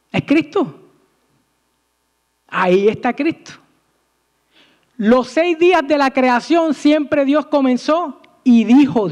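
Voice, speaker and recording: A man preaching a sermon in church, asking the congregation questions and answering them himself, with emphatic swings in pitch and loudness. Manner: slow, emphatic delivery with sudden rises and drops in pitch and loudness.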